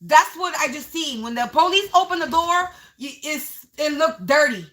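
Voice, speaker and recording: A woman's voice: high voice, expressive, moderate pace, fairly bright tone. A woman giving a live psychic reading, narrating visions as they come to her, repeating phrases and stretching out key words for emphasis. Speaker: psychic reader.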